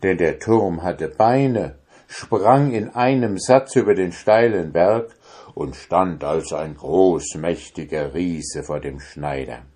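A man reading a fairy tale aloud as narrator, in a calm, measured storytelling manner. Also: low-pitched, slightly rough.

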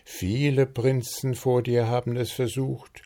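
Storybook owl, female, wise and cautioning, slow grave delivery, read by a man. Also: medium pitch, level tone, warm tone, voice pushed up, close to an everyday voice.

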